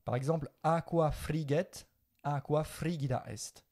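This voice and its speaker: Guy from france teaching latin out loud, warm low-key tone, patient with corrections. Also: unhurried. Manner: patient, explains and corrects, mixes Latin and French. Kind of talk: spoken language lesson.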